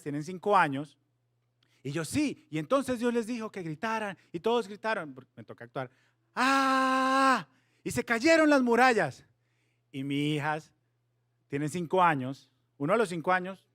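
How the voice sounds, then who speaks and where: High-voiced, animated male youth pastor. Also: dry recording, studio quality. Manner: animated, playful, mixes in English words. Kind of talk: storytelling youth sermon.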